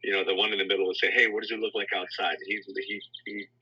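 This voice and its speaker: Earnest male host telling motivational stories; low-ish, husky, forward voice on muffled audio. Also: fast. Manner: earnest, animated in quoted dialogue. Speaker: host of a live audio room. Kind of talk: motivational storytelling talk. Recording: dull lo-fi audio.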